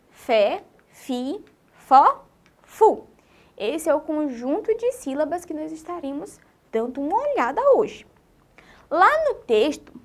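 Brazilian woman, children's teacher; high-pitched, very animated, sing-song delivery aimed at young kids. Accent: Brazilian Portuguese. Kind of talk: children's literacy lesson.

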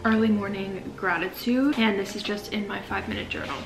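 A woman's voice: medium pitch, fairly even intonation, fairly quick. A woman in her twenties talking casually to camera in an informal vlog style, sprinkling in lots of filler "like". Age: 20s. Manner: informal, with frequent use of "like". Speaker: vlogger. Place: small rooms at home, later a parked car.

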